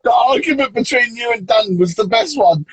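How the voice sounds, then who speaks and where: A man's voice: extremely high pitch, animated, normal speed, a bit bright, breathy edge, dry recording, low-quality recording. A man hosting a casual chat, teasing his guest and laughing often. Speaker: host, team manager.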